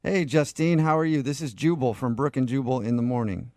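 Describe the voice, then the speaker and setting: A man hosting a morning radio show, talking in a quick, teasing way. His voice is mid-pitched and recorded close and dry in the studio. He jokes easily and keeps the banter moving. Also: a little mellow, no echo. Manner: teasing, joking, quick delivery. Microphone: studio microphone.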